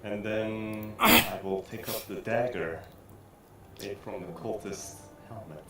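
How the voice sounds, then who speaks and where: A man's voice: lowish voice, slow pace, loud music behind the voice. Playful male player, echoey room. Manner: playful, laughing. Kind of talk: casual tabletop play. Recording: echoey room with background noise.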